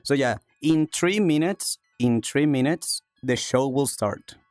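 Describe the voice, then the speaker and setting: In a dry, studio-quality recording with faint music behind, a medium-pitched South American man talks slowly and casually to his livestream viewers. He coughs from chest congestion yet remains upbeat, repeating phrases and thanking people warmly, as befits a streamer and talk show host.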